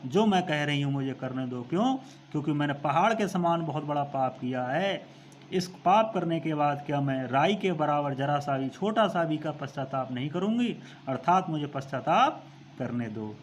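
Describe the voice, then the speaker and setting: A male teacher who recites lines of a poem slowly and then explains them, repeating phrases as he goes. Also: fairly high pitch, slight background noise.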